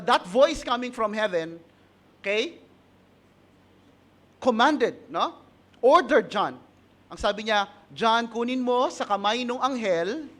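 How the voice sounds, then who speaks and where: A man's voice: high-pitched, fairly bright tone. A man with a Filipino accent preaching a sermon, switching between Tagalog and English, asking the congregation questions and laughing at his own stories. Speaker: pastor.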